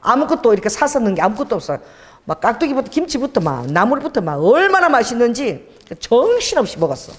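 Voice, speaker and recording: A woman's voice: on the high side, big pitch swings, fast talker. A woman pastor preaching a sermon and telling a story with animation, often asking the congregation for an amen. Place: church worship hall. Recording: long hall reverb.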